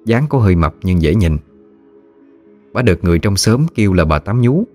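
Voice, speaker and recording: A man with a Mekong Delta Vietnamese accent narrating a folksy village story in an easy, unhurried way. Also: sits low, animated, darkish tone, faint music behind.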